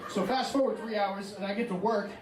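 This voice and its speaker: Higher-voiced male stand-up comic. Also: steady tone, fairly quick, background noise. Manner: self-deprecating and conversational. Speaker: stand-up comedian. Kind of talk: stand-up storytelling. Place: stage before a live audience. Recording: echoey room with a far-off mic and a laughing crowd.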